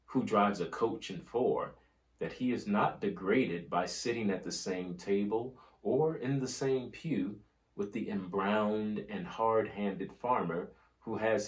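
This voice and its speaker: Reading from a history book, a man with a fairly low voice delivers historical prose and quoted oratory very slowly. His scripted, dramatic reading is solemn and oratorical, with deliberate pauses between phrases, in a roomy space with clear echo.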